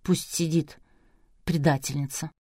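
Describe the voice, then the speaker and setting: Reader as a huffy woman, quiet and pursed-lipped, dry sound. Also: low voice, steady tone, unhurried, breathy edge, no echo. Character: sharp-tongued woman, huffy.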